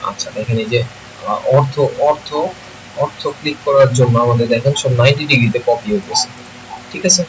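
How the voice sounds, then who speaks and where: Man explaining software, noisy recording. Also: mid-range voice, a little fast. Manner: thinks aloud, checks with listeners often. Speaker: software tutor. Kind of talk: screen-recorded tutorial.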